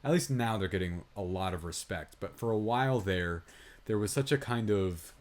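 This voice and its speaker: A podcast co-host who reviews films chats casually about a movie, offering opinionated and rambling commentary. His voice sits on the low side and sounds animated, moving at a moderate pace.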